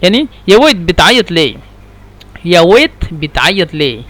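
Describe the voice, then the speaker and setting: A man's voice: high voice, sing-song, fairly bright tone. A man teaching a language lesson, saying each phrase several times and spelling out the letters one by one, in a patient, repetitive way. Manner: patient and repetitive, slow careful drilling. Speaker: Arabic teacher.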